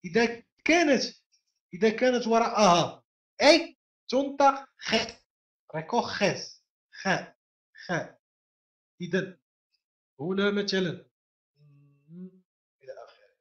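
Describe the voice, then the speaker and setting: A man's voice: high-pitched, expressive, measured pace, long pauses, fairly bright tone. A man teaching a class, patiently repeating and drilling sounds and quizzing his students. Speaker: language teacher. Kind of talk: classroom lesson. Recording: echoey room, dull lo-fi sound.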